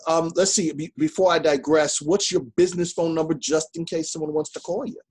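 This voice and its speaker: A New York City man hosts a business podcast over a video call from an indoor office, running a casual interview in an upbeat, chatty way and laughing often. His voice is a little high, husky and darkish, with a steady tone and a slightly fast pace.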